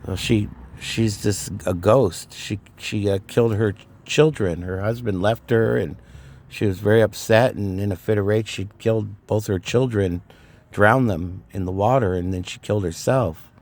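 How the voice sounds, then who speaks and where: A man's voice: lowish voice, normal speed, a little mellow. A middle-aged man from California casually telling a personal ghost story, rambling with fillers and restarts. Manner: rambling, frequent fillers and restarts, laughs at himself.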